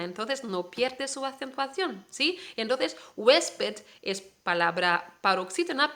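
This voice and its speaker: Slow, bright-voiced teacher woman. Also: a little high. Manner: patient, explains step by step, spells words letter by letter; checks in with rising "¿sí?" tags. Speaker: Spanish teacher. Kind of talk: online language lesson.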